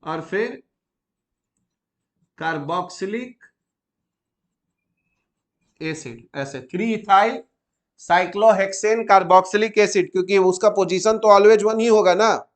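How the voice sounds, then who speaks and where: A man teaching chemistry step by step, often stopping to check that students follow. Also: high voice. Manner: asks students frequent check questions; slows down to spell out names.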